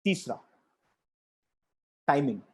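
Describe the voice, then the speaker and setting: Slow, deliberate male storytelling trainer. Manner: deliberate, mixes Hindi and English. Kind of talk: corporate training talk.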